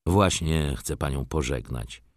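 A man's voice: very deep voice, a little slow, no echo, studio quality, voice pushed down. A man voicing a middle-aged merchant who speaks in a clipped, businesslike and restrained way. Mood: curt. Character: middle-aged male merchant, cool and curt.

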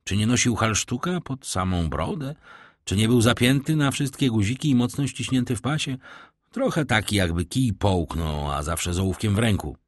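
A man voicing a mysterious, restrained aristocratic count who speaks gravely and with measured words. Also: fairly low pitch, animated, no room sound, clean studio sound. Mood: probing.

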